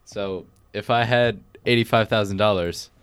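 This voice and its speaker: A teenage boy with a very deep, smooth voice co-hosts a casual podcast. He speaks in a laid-back, dry way, and his voice drops quieter as thoughts trail off. The sound is dry and close to the mic. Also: steady tone, normal speed, no echo. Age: teens. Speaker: podcast co-host.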